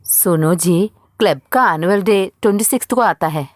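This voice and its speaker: A woman's voice: fairly low pitch, normal speed, dry recording, studio quality, close to an everyday voice. An actress dubbing a fussy middle-aged mother who dotes on her dog and scolds her son. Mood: doting. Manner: scolding, sing-song. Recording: film soundtrack with music.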